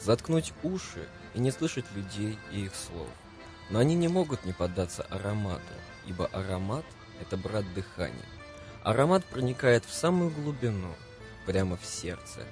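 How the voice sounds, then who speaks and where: Мужчина читает литературную цитату как подготовленный текст для радио. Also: male voice, fairly low pitch. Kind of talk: scripted dramatic reading of a literary quote. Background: clear music.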